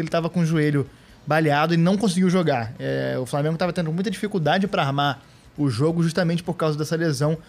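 A Brazilian man hosting a casual podcast, recapping an old football match with joking, sarcastic asides. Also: on the high side. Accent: Brazilian Portuguese.

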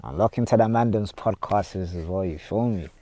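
A music artist appearing as a podcast guest chats casually in a London roadman accent, packing his speech with street slang and tag phrases. His voice is lowish and dark, his pace moderate, with slight background noise.

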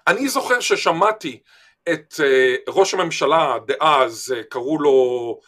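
A man's voice: a little high, lively intonation, a bit bright. An Israeli man speaking emphatically in a discussion, telling anecdotes and often repeating words and phrases. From Israel, Eilat. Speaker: panel speaker on language. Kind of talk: animated discussion with anecdotes and quotes.

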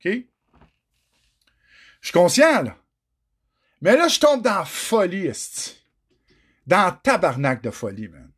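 A man's voice: high voice, wildly swooping pitch, takes it slowly, pauses often, fairly bright tone, breathy edge. A middle-aged man with a Quebec French accent, telling his own story in a raw, emotional monologue, cursing often and speaking straight to the viewers.

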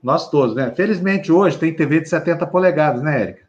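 A man's voice: on the high side, lively intonation, fairly quick. A man with a Brazilian Portuguese accent hosting a live stream in a chatty, teasing way. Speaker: host. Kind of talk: casual live-stream chat. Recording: dull lo-fi stream audio.

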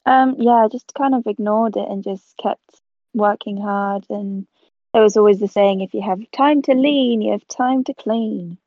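Woman in her twenties, gravelly, phone-like line. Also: mid-range voice, moderate pace, no room sound. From South Africa. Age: 20s. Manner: chatty, laughs easily. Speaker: guest photographer. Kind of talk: casual interview.

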